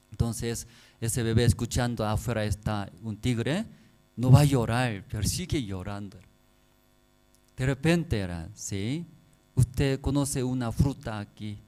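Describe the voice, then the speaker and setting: A man with a Korean accent preaching a sermon in halting, non-native phrasing, often checking with the congregation through short rhetorical questions. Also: mid-range voice, warm tone, rough recording. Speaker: pastor.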